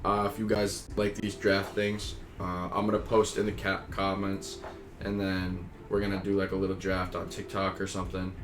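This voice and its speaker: A man's voice: low voice, monotone, moderate pace, roomy sound, background noise. A man co-hosting a casual podcast, laid-back and rambling, cursing and laughing often. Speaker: podcast co-host. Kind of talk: casual chat.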